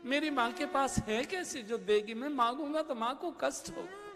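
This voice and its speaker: A man with a high-pitched voice tells a devotional story with emotional drama, sometimes half-singing his lines. His voice rings through a long hall reverb. A violin plays clearly underneath. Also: moderate pace. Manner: emotional, dramatic telling with sung phrases. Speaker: religious storyteller. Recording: reverberant hall with instrumental music.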